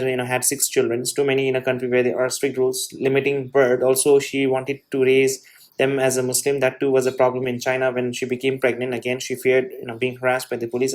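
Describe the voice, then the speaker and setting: A man reads an essay aloud for his show and keeps stopping to comment on it. His delivery is halting, with restarts and a steady stream of "you know" fillers. His pitch stays level and narrow, and his voice sits at an ordinary middle height. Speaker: host.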